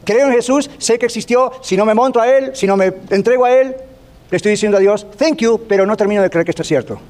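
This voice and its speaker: A man with a high, light voice preaching on the radio in a relaxed, conversational way. He tells everyday stories and slips into playful little voices to make his point. He drops English phrases into his talk. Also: fast.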